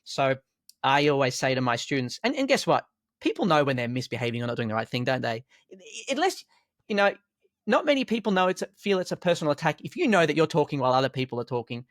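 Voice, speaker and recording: A man who teaches school and martial arts, explaining classroom discipline in a calm, storytelling way with rhetorical questions. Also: fairly high pitch, fast talker, dry recording, studio quality. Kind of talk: conversational podcast explanation.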